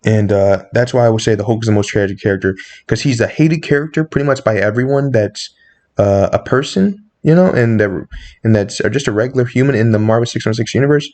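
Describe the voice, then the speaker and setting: A man's voice: mid-range voice, a little fast, a little mellow. Male commentator, casual monologue, passionate and indignant in tone. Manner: impassioned, rising sharply when indignant. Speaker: comics commentator.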